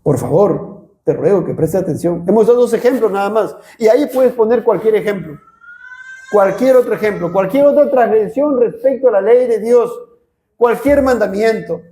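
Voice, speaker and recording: Pleading and earnest, a preacher with a Peruvian Spanish accent repeats phrases to drive his sermon home. His high, dark voice has lively intonation and a moderate pace, and the church hall echoes around him.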